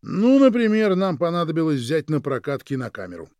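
A man voicing a worldly man who tells stories in a lively, animated way in a storybook reading. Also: fairly high pitch, fairly quick, dry recording, studio quality, pitched above the performer's own voice. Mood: explaining.

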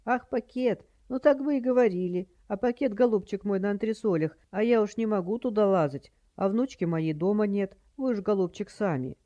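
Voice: medium pitch, normal speed, hardly any pauses, dark tone, dull audio, voice pushed up, lightly acted. A narrator voicing a feeble old woman who plays senile, with a quavering, doddering voice and a fussy, dithering manner.

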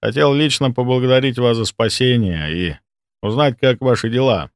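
A man reading an audiobook voices an elegant, self-assured male count who speaks loudly and with formal politeness. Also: mid-range voice, normal speed, dry recording, studio quality, natural voice. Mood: exclaiming.

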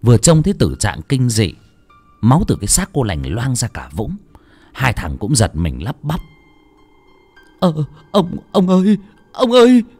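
A man narrating a story, with a dramatic, expressive reading. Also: fairly low pitch, normal speed, husky, no room sound, soft background music. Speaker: audiobook narrator.

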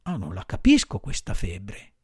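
A man's voice: fairly low pitch, wildly swooping pitch, unhurried, slightly rough, dry recording, studio quality, pitched below the performer's own voice, exaggerated voice. A man voicing a wooden puppet boy in an audiobook, wailing and pleading in despair. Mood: anguished.

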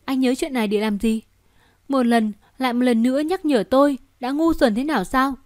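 A woman acting out a heartbroken young mother in an audiobook, her voice pitched higher and strained with feeling. Her delivery is dry and close, with no room sound. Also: normal speed, no echo, close to an everyday voice. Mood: bitter anguish.

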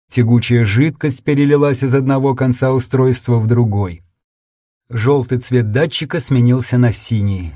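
A man's voice: medium pitch, mellow, no room sound, clean studio sound. A man reading a first-person sci-fi audiobook in an intense, dramatic storytelling manner. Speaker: audiobook narrator.

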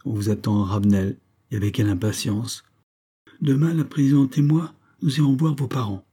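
A man's voice: medium pitch, fairly quick, dark tone, slightly rough, pitched above the performer's own voice, natural voice. A man voicing a kindly, affectionate older magistrate in an audiobook. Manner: affectionate, urging.

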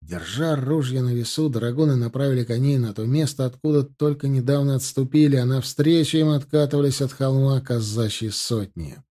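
A man narrating a historical war novel in a steady storytelling manner. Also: medium pitch, a little fast, few pauses. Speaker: audiobook narrator. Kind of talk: scripted narration.

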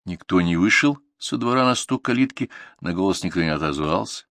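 A man narrating a short story in a calm, even storytelling manner. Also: sits low, fairly quick, no echo, studio quality. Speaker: audiobook narrator. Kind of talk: scripted audiobook narration.

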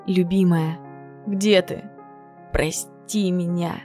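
A woman voicing a remorseful young wealthy man who speaks low and hushed, pleading. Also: fairly even intonation, normal speed, soft background music, close to an everyday voice.

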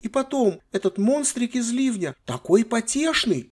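A man's voice: very high-pitched, sing-song, measured pace, a little mellow, slightly rough, voice pushed up, heavily acted. A man voicing a whiny bratty teen witch girl. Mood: sulky. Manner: whiny, pleading, squealing.

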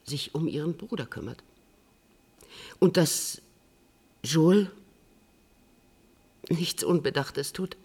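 An actress playing a composed, middle-aged woman held in custody, speaking in a measured, precise way in a radio drama. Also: low voice, animated, warm tone, breathy edge, full character voice. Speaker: prisoner on remand giving an interview.

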